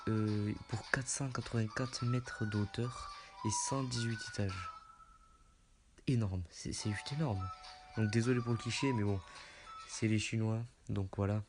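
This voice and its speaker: A man hosting a casual top-ten voice-over, hesitant with many fillers and repeating himself. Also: fairly low pitch. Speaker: YouTube channel host. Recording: music playing loudly underneath.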